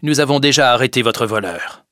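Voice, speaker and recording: A man voicing a confident fake police inspector who gives brisk orders. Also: medium pitch, sharp tone, no echo, studio quality, close to an everyday voice. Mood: commanding.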